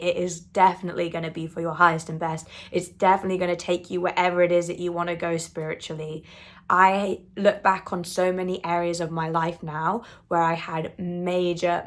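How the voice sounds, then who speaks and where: Woman, twenties, slightly low voice, calm, earnest, reflective monologue. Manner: calm, earnest, repeats words for emphasis. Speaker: spiritual channel host. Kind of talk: reflective spoken monologue on awakening.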